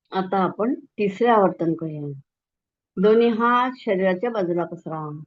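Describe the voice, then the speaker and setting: A woman guiding a meditation and relaxation session, giving slow, soothing instructions and drawing out long chanted words. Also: medium pitch. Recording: dull lo-fi recording.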